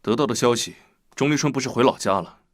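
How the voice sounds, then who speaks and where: A man's voice: mid-range voice, quick pace, natural voice. An actor playing a scheming, ambitious man who snaps in anger and then mutters in cold whispers. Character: scheming ambitious male schemer, middle-aged.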